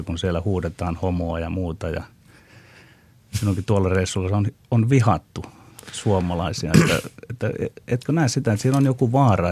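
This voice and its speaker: A man's voice: on the low side, a little mellow, breathy edge. A man hosting an interview, asking long probing questions with hesitant restarts. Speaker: host.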